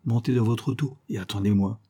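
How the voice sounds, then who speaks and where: A shrewd detective who teases and keeps his plans to himself, read by a man. The voice is husky and dark in an audiobook reading. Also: on the low side, steady tone, fairly quick. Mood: sly. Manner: sly, teasing. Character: shrewd playful male detective.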